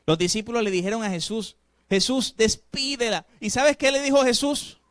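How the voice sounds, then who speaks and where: A man preaches a sermon in a high voice, pressing his points with sudden swings from loud to hushed. He speaks straight to his congregation with rhetorical questions. The sound is dry, with little room echo. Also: animated, fairly quick, clear, resonant tone. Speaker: pastor.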